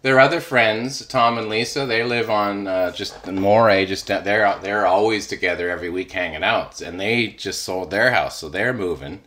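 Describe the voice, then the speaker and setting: A man in casual conversation who laughs often and keeps breaking into loud, yelled voices for things he imagines talking. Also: lowish voice, normal speed, few pauses. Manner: laughing, animated, swearing, acts out plants in loud yelling voices. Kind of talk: casual chat.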